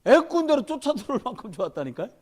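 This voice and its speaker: A middle-aged man preaching a sermon as pastor, telling stories with lively quoted dialogue. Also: very high voice, racing. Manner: animated storytelling, shouting in quoted dialogue.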